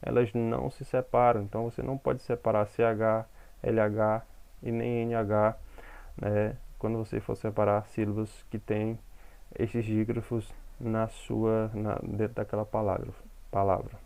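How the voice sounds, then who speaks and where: A man's voice: fairly low pitch, level tone, unhurried, creaky, a little mellow, clean tone. A man teaching a grammar lesson, explaining step by step and checking in with the class.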